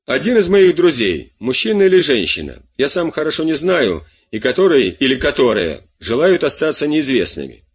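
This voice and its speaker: A man voicing a scheming police spy who mocks his sergeants in a husky, lively voice. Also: on the high side, normal speed, few pauses, exaggerated voice. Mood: sly.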